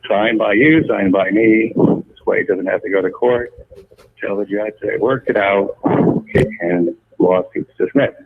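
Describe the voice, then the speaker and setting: A man's voice: on the low side, a little slow, gravelly, breathy edge. A man leaving a rambling voicemail full of repeats and "uh" fillers, played back on a speakerphone held up to the mic. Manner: rambling, repetitive, many "uh" fillers. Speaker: voicemail caller. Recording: tinny muffled phone speaker.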